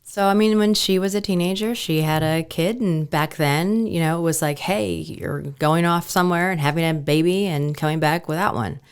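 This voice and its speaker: A woman's voice: lowish voice, moderate pace, few pauses, clear, resonant tone. A woman in her forties from Pittsburgh, a podcast guest chatting easily and telling her story. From Pittsburgh, USA. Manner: easygoing, laughs often, storytelling. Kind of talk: casual interview chat.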